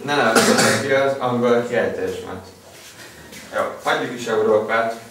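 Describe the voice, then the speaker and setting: A man's voice: medium pitch, close to an everyday voice. Very echoey far-off camera sound, young guy doing a scatterbrained bossy hungarian history teacher, abrupt and theatrical, comedy skit. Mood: flustered, exasperated. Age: young adult. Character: eccentric, scatterbrained male history teacher, bossy and easily exasperated. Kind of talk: comic classroom lecture sketch. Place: school classroom, indoors. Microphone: camera mic from a few meters away. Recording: echoey classroom, distant camera mic, noisy.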